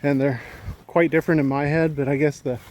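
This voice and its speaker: A homesteading vlogger talks fairly quickly in a slightly high, steady, somewhat mellow voice, a bit breathless as he leads a meandering, easygoing tour of his rural land. There's slight background noise.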